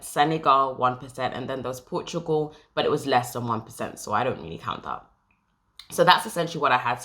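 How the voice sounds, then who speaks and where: A woman's voice: deep voice, bright, forceful tone. A young woman from Jamaica talking casually to camera as a vlogger, explaining step by step and reading from notes.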